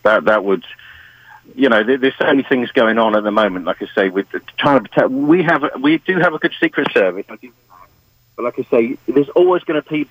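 A man's voice: mid-range voice, a little fast, no room sound. British man, caller, crackly fading phone line, muffled dry sound, hesitant restarts. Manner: hesitant, restarts often, repeats "like I say". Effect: crackly phone line that fades in and out. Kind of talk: phone-in chat. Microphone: phone handset.

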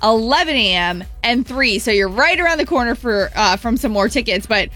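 A woman's voice: a little high, lively intonation, moderate pace, pushed and bright, soft background music. An American woman co-hosting a radio morning show, chatting and reading promos. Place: radio studio.

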